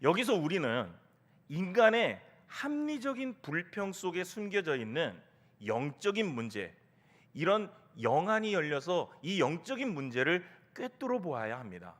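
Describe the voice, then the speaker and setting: A male pastor delivers a Sunday sermon in a church, his slightly high voice rising and falling in wide, lively swings. He carries the congregation along with stories, quoted voices and rhetorical questions. Now and then he slips in a light, humorous aside. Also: normal speed. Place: church sanctuary.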